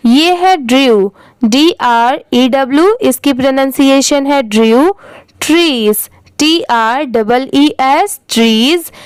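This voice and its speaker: High-voiced woman teaching English slowly. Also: no echo, poor audio. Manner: spells words letter by letter, then says them slowly. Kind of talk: slow spelling-out reading lesson.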